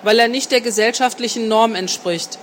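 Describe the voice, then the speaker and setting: A woman voices a worldly, self-assured man in an adult audiobook. He talks smoothly and persuasively, with a teasing edge. The voice stays fairly high, with faint noise behind it. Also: moderate pace, natural voice. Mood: seductive. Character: confident seductive grown man, calm and worldly. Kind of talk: audiobook reading.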